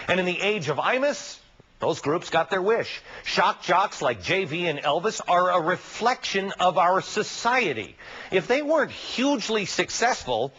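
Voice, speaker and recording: A man's voice: fairly high pitch, a bit bright, slightly rough. A man hosting a TV commentary show, talking emphatically and sarcastically, full of rhetorical questions. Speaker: TV commentary host. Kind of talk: opinion monologue and interview. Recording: dull lo-fi broadcast audio.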